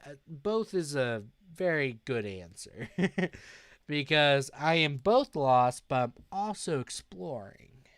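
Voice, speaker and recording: A young man chatting casually on a live stream, reading out chat messages and answering them. He sounds sleep deprived and talks in a slow, drowsy way. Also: a little high, lively intonation, fairly bright tone, dry recording, studio quality.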